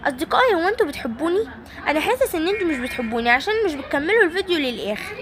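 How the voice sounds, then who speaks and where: A woman's voice: extremely high pitch, very animated, rapid-fire, background noise, pitched above the performer's own voice. A woman voicing a small, frightened lion cub toy who talks in a whiny, pleading way.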